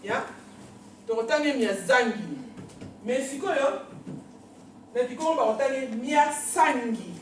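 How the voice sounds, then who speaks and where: A woman's voice: high-pitched, unhurried, long pauses, a little hiss or hum. A woman leading a pronunciation lesson, drilling words aloud and checking in with her students. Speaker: language teacher. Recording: very echoey room, far from the mic, faint ambience.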